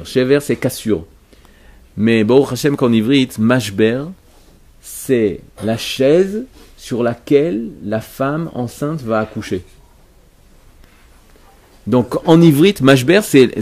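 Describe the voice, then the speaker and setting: A Torah teacher with a mid-range, somewhat dark voice teaches a religious lesson to a class. He speaks emphatically, explains as he goes, and often repeats himself or starts phrases over.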